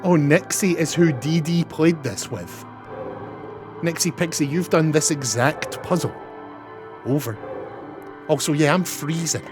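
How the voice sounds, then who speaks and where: A man's voice: a little high, measured pace, long pauses. Chatty streamer guy. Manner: chatty, talks to his chat, ends turns with "over". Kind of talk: casual chat while gaming. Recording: game music loud behind.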